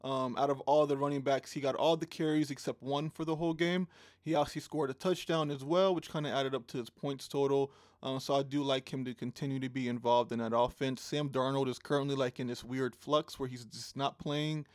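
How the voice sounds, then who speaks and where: A man's voice: mid-range voice, fairly even intonation, a little fast, a little mellow, no room sound, studio quality. A man co-hosting a casual fantasy football show, easygoing with lots of ums and playful team banter. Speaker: fantasy football podcast co-host. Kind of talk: casual sports chat.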